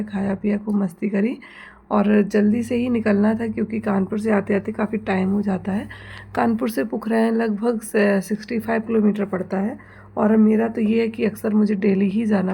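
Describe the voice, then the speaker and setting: A woman's voice: medium pitch, creaky, slightly rough. A woman, chatting casually to viewers in a home vlog about her day and housework. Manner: chatty, relaxed, talks straight to viewers. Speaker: vlogger, homemaker and mother. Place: at home, indoors.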